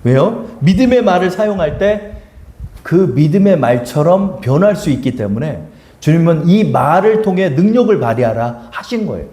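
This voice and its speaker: A man's voice: on the high side, normal speed. A middle-aged man preaching a sermon as pastor, telling stories and acting out the people he quotes. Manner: animated storytelling, acting out quoted voices. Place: church sanctuary. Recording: echoey church room.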